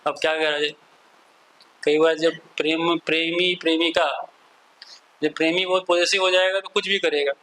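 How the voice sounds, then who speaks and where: A man's voice: fairly high pitch, little pitch movement, normal speed, long pauses, sharp tone, slight background noise, low-quality recording. A man with an Indian accent giving a scripture class, mixing Hindi and English and quoting Sanskrit verses. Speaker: spiritual teacher.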